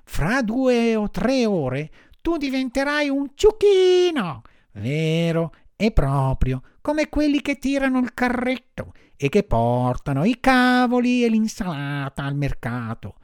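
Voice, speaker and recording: A man voicing a kind little female marmot in an audiobook, speaking in a soft, sorrowful, consoling way. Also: very high-pitched, very animated, takes it slowly, clean tone, dry recording, clean studio sound, pitched above the performer's own voice, full character voice.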